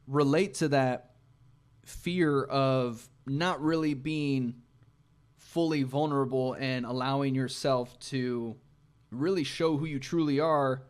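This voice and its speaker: A man at an ordinary mid pitch hosts a music breakdown. He reflects on lyrics in a calm, analytical way and sometimes restarts his sentences as he works out an idea. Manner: thoughtful, analytical, occasional restarts. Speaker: music reaction host.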